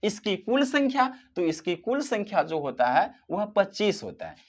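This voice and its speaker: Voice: mid-range voice, very animated, normal speed. A teacher giving a grammar lesson, posing questions and answering them, drawing out example sounds to show their length. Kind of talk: classroom-style grammar lesson.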